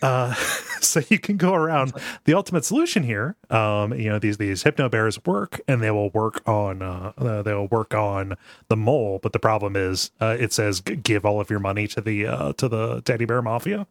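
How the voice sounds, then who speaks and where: A man's voice: lowish voice, moderate pace, dry recording. A man co-hosting a show, casually recapping a game story in an amused way, often chuckling. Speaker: co-host of a video game discussion show.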